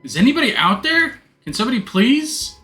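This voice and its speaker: A man's voice: medium pitch, normal speed, bright, forceful tone, close to an everyday voice. A man voicing a brash, slangy woman thief who poses as a starlet, with streetwise wisecracks, in a game. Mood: panicked. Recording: roomy echo, music behind.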